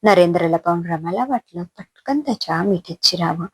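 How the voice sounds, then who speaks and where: Husky woman reading a story. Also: lowish voice. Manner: calm, measured reading. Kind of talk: scripted story narration.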